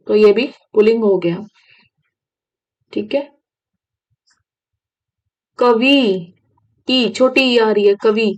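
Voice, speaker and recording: A woman's voice: on the high side, darkish tone, rough recording. A woman teaching Hindi grammar for exam prep, checking in with her students as she explains. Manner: repeats "ठीक है" often, asks students questions.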